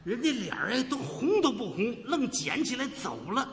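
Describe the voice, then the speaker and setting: High, animated crosstalk comedian. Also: male voice, moderate pace, in a large hall. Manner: boastful storytelling, animated delivery.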